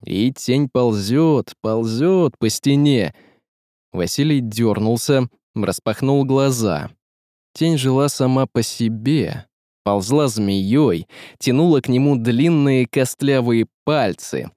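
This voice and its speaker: A man narrating a fantasy story in measured, dramatic storytelling. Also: medium pitch, mellow, dry recording, studio quality. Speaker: audiobook narrator. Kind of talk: scripted narration.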